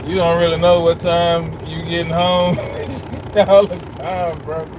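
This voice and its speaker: A man talks from his truck in a loose, cussing drawl. His voice sits a little high. The phone recording is buried under loud engine rumble and wind. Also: little pitch movement, slow pace. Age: 40s. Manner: profane, drawling, laid-back. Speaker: truck driver. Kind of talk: casual live-stream vlog. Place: in and around his truck at a freight yard.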